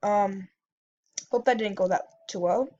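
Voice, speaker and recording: A woman's voice: mid-range voice, unhurried, a little mellow, lo-fi sound. Rambling woman telling a casual story. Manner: rambling, full of fillers and self-corrections. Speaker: vlogger.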